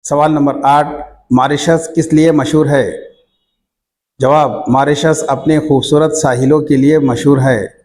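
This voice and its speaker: A male teacher reading out textbook questions and their answers in a slow, measured dictation manner. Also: fairly high pitch, steady tone, a little mellow.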